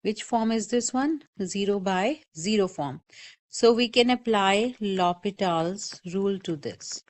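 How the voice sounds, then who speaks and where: A woman's voice: medium pitch, expressive, unhurried. A woman math teacher giving a recorded calculus lecture, explaining step by step and often checking in with "okay?". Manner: patient, repeats warnings, checks in with "okay?".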